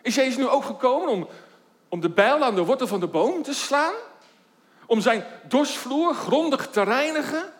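Man, preacher, high voice, sermon, measured scripture teaching, rhetorical questions, long church-hall reverb. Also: animated.

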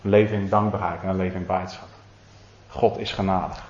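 A man's voice: low-pitched, flat delivery, normal speed. A man preaching a sermon, often asking his listeners direct questions and restarting his sentences. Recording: roomy, slightly dull recording.

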